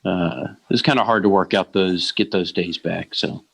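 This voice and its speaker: A man co-hosts a casual podcast conversation in a somewhat low voice. He talks hesitantly, full of fillers and pauses. His humor stays dry. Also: vocal fry. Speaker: podcast co-host. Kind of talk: casual chat.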